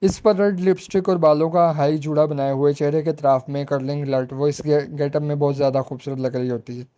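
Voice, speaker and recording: A man narrating a romance novel aloud in a steady storytelling way. His voice is mellow and sits a little high for a man. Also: fairly quick.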